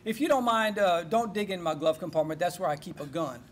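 A man with a Cajun accent playing a Cajun driver who answers a lawman in a quiet, offhand, matter-of-fact way. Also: high-pitched, brisk, a little hiss or hum, lightly acted. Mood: deadpan. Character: flustered Cajun man caught by the law.

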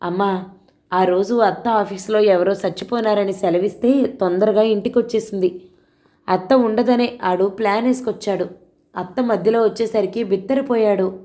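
A teenage village girl, frightened yet defiant, pleads earnestly as she recounts her ordeal, voiced by a woman storyteller. The audio storybook reading stays at an ordinary, middle pitch. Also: fairly even intonation, normal speed, warm tone, lightly acted.

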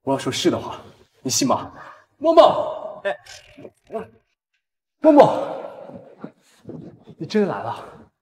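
An actor playing a reluctant, self-assured, lovelorn bridegroom in a drama. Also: male voice, on the high side, huge pitch swings, slow, long pauses, darkish tone, full character voice. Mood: yearning. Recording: echoey, distant from mic.

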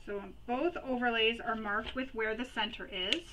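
A woman hosting a sewing tutorial, giving practical step-by-step instructions and pausing while she works. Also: a little high, bright, forceful tone, distant mic, a little hiss or hum, low-quality recording. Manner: chatty and practical, pauses while working.

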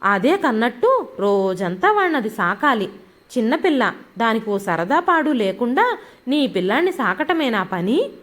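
Woman playing a sharp-tongued old mother-in-law. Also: expressive, unhurried. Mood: scolding. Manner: shrill, scolding.

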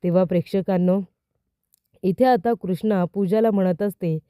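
Dark-voiced woman retelling an episode. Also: mid-range voice, moderate pace, smooth, dry recording, studio quality. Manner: addresses viewers directly, steady retelling. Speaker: serial recap narrator. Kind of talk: storytelling episode recap.

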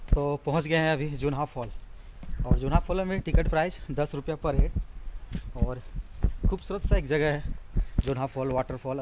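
Young man, self-shot outdoor travel vlog, chatty, clear background noise. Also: fairly high pitch. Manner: chatty, touristy, praising the sights. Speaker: travel vlogger. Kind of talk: casual travel vlog narration. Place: outdoors in forest and by a waterfall. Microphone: phone or camera held at arm's length.

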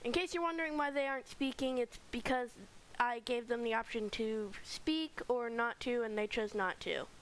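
High-voiced woman narrating a game. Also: normal speed, hardly any pauses, fairly bright tone, a little hiss or hum, poor audio. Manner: chatty, rambling tour-guide narration with fillers. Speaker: gaming channel host. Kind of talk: casual Minecraft let's play commentary.

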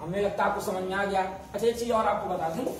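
Echoey classroom teacher drilling questions. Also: male voice, high voice, quick pace. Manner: drills points by asking questions and answering them himself, repeating key terms. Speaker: science teacher. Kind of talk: classroom lesson. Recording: very echoey room, voice far off, faint hiss.

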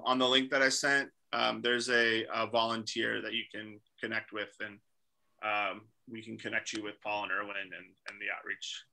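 Bright-voiced man, halting video-call talk. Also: mid-range voice, vocal fry, poor audio. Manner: halting, many fillers. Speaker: ministry staff host. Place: small room indoors.

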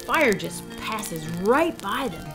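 Speaking slowly at a medium pitch with big swings in her intonation, this woman narrates for kids, upbeat and plain, in the role of a prescribed burner describing the forest. Her voice-over sits over background music.

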